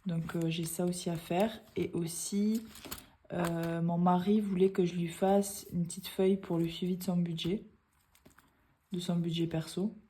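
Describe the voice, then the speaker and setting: Woman, casual vlog chat, hesitant fillers, mellow tone. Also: lowish voice, fairly even intonation, measured pace, slightly rough. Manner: rambling, hesitant, many fillers. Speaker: budgeting vlogger.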